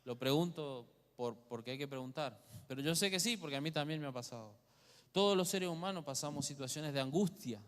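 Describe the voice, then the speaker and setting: In a church hall full of long reverb, a man with an Argentine Spanish accent preaches a teaching sermon, asking the congregation questions. His voice is a little high and he talks a little fast.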